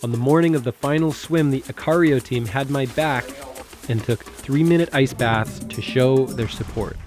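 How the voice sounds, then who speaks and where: A man's voice: medium pitch, moderate pace, music in the background. A man giving scripted voice-over narration for a challenge vlog he took part in. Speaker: narrator and participant.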